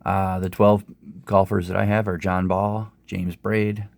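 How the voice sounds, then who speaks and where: A male gaming host speaks in a very low, gravelly voice, worn by a sore throat and a cold. His delivery is low-energy and unhurried as he casually narrates results from a simulated golf tournament. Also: little pitch movement. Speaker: host of a sports gaming channel.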